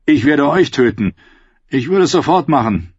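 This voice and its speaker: A man's voice: a little high, expressive, normal speed, husky, no room sound, lo-fi sound, voice pushed up. A man reading a story aloud, voicing a brutal, cruel soldier who sneers and threatens. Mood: menacing. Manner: sneering, menacing.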